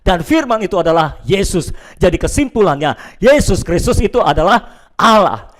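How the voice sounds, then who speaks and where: A male pastor preaching a sermon to a church and viewers at home, emphatic, dropping between loud declarations and quiet asides. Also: high voice, lively intonation, normal speed.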